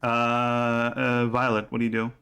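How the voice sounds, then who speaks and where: A man with a mid-range voice runs a tabletop role-playing game. He narrates and referees as game master, haltingly, often doubling back to repeat himself. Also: medium pitch, completely flat delivery, sharp tone, smooth.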